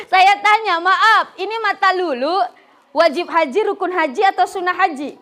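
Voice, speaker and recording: A middle-aged woman preacher from West Java giving a humorous religious lecture, telling stories lively and laughing often. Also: very high-pitched, unhurried. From West Java, Indonesia. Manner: lively storytelling, acting out characters, frequent laughter. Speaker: female Islamic preacher.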